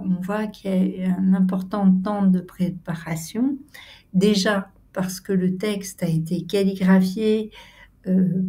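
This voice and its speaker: Slow, mellow-voiced woman with a French accent. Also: mid-range voice. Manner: hesitant, many fillers, sometimes whispering. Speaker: channel host. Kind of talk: casual narrated workshop visit.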